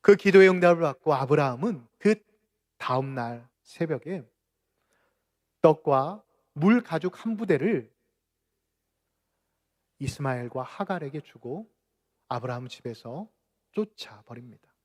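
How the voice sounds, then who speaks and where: Korean pastor preaching with dramatic swings. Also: male voice, a little high, expressive, a little slow, long pauses. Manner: dramatic preaching, rising to loud outcries and dropping to near-whispers. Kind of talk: sermon. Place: church sanctuary.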